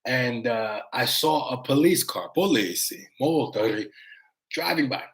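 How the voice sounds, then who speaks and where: A man's voice: mid-range voice, lively intonation, unhurried, low-quality recording. A young American man chatting casually to his viewers on a livestream, rambling between chat replies and longer thoughts. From United States. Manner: rambling, talks straight to viewers, many fillers. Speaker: vlogger reading live chat.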